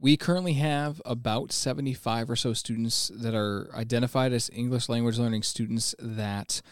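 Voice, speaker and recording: The interview guest, an ESL teacher from the United States in his 20s with an American accent, gives enthusiastic, explanatory answers in a conversational interview. He has a mid-range voice with fairly even intonation and normal speed, clear and resonant, captured in a dry, clean studio recording.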